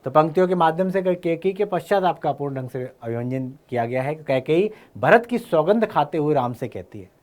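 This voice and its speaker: A male teacher explaining a Hindi poem to students, reciting verse lines slowly and then explaining them in casual speech. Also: on the high side, animated, darkish tone. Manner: uses fillers like "है ना" and "clear है".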